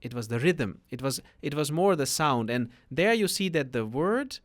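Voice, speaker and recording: A man's voice: mid-range voice, animated, moderate pace. A man, a guest spiritual teacher explaining things patiently on a podcast, often tagging his sentences with a questioning "no?". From Netherlands.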